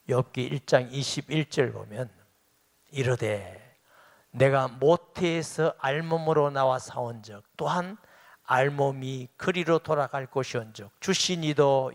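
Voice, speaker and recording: A middle-aged man, preaching a sermon as pastor and acting out quoted dialogue with rising emphasis. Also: medium pitch.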